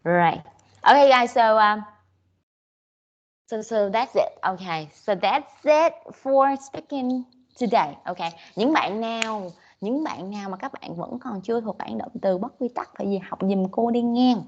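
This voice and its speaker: Teaching English online, a woman with a Southern Vietnamese accent alternates between English and Vietnamese, dropping frequent "okay"s. She speaks at a measured pace in a fairly high pitch, and the recording has its highs cut off.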